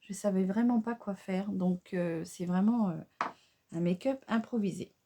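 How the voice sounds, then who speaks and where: A woman's voice: mid-range voice, a little slow, a little hiss or hum. A woman doing a casual makeup tutorial, chatty and hesitant with many fillers, talking straight to her viewers. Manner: excited exclamations over the colors. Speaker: beauty vlogger.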